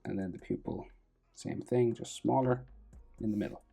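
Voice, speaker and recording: Casual drawing tutor: husky, low-key mellow tone, halting think-aloud delivery. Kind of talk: casual step-by-step drawing instruction. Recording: background noise and music.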